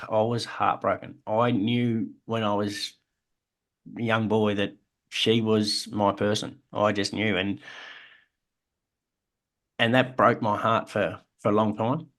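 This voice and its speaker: Earnest Australian man telling his story. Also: on the low side. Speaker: podcast co-host. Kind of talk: casual chat.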